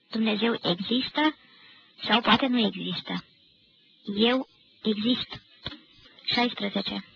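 A woman's voice: medium pitch, creaky, muffled recording, slight background noise. A woman giving an intense, dramatic first-person literary reading, from an archival radio recording. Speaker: audiobook reader.

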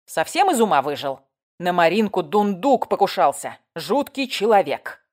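Woman playing a shrill gossiping neighbor lady. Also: sing-song, moderate pace, a little mellow. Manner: shrill, scolding, exclaiming. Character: loud nosy older woman neighbor, gossip.

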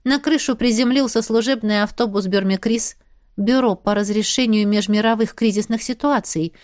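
A woman narrating a first-person fantasy audiobook in an expressive reading voice. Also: on the high side, normal speed, no echo, clean studio sound. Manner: expressive, acting out dialogue.

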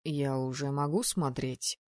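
An ironic young high mage, flustered yet wry, speaking in a lowered, mellow voice. The sound is dry and close, like a studio audiobook, with a woman reader playing him. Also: normal speed, no room sound, natural voice. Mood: admiring. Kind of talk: audiobook narration.

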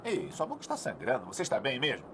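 A man's voice: medium pitch, wildly swooping pitch, fast talker, a bit bright, slight background noise. A man dubbing a friendly, concerned small-town man in a film, calling out heartily. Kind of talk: dubbed film acting. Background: film score.

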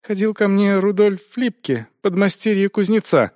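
A man's voice: high-pitched, normal speed, a little mellow, dry recording, clean studio sound, pitched above the performer's own voice, close to an everyday voice. Man doing a timid whimpering village widow. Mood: reluctant, ashamed. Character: frightened young village widow, shamefaced.

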